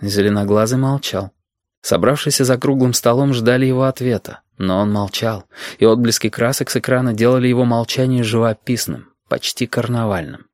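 A man narrating a novel in an even, unhurried manner. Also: mid-range voice, no echo, clean studio sound. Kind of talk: audiobook narration.

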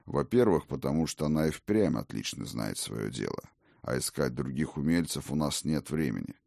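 A man voicing an imperious, hearty old god-king who talks in a slow, rumbling, commanding way. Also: expressive, creaky, dark tone, no echo, clean studio sound, heavily acted. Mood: musing. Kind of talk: audiobook character reading.

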